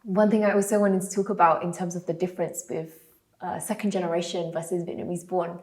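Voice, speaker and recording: Talking fast in a voice on the low side, this podcast host is a British woman from the United Kingdom with a British English accent. Her conversational show has her animated, laughing easily and acting out the voices she quotes.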